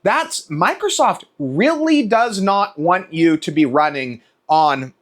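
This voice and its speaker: A man's voice: high voice, expressive, slow. A man giving a casual, off-the-cuff opinion rant in an exasperated, emphatic way, swearing casually and repeating words for emphasis. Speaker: video creator.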